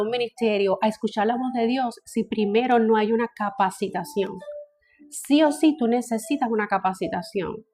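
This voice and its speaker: A woman's voice: fairly high pitch, darkish tone. A woman teaching a Bible study, often repeating phrases and checking in with her listeners.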